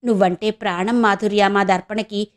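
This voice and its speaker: A woman voicing a defensive, sharp-tongued grown daughter who snaps back in a raised voice in an audio novel. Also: medium pitch, steady tone, normal speed, natural voice.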